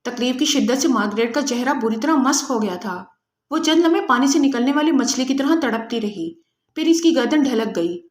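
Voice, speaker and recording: A woman narrating a spy novel in a steady, dramatic reading. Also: high voice, reverberant. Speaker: audiobook narrator.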